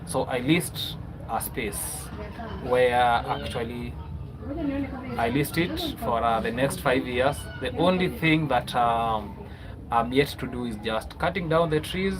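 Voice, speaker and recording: A man's voice: mid-range voice, animated, slow pace, low-quality recording. A man with a Kenyan accent hosting a casual livestream, chatty, often ending phrases with a questioning "yeah?". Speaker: livestream host.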